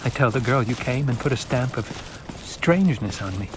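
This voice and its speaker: A man's voice: medium pitch, lively intonation, normal speed, noisy background, voice pushed up, lightly acted. A man voicing an earnest, guarded teenage boy in an audiobook, lighter and dreamy in manner.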